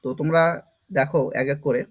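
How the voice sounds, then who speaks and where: A man's voice: a little high, fairly even intonation, fast, husky. Rhetorical Bengali vocabulary teacher, man. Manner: explains step by step, repeats words and asks rhetorical questions. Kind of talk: vocabulary lesson.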